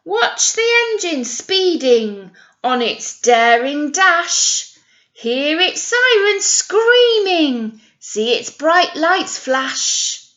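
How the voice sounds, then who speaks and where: This British woman teacher speaks extremely slowly in a high, fairly bright voice with big pitch swings while reading a picture book to young kids. She uses sing-song emphasis and often asks encouraging questions. The sound is muffled.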